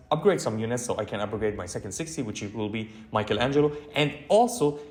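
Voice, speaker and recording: A man of middle pitch chats his way through a game walkthrough, stumbling over fillers and correcting himself as he goes. His voice carries a roomy echo, as if recorded in a bare room. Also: a little mellow. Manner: chatty, many fillers and self-corrections. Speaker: gaming channel host.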